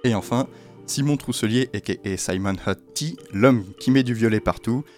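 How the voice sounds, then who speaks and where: A man's voice: mid-range voice, normal speed, darkish tone, soft background music. A man hosting a game development podcast, chatting in a friendly, hesitant way with many fillers. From France. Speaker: podcast host. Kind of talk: conversational interview.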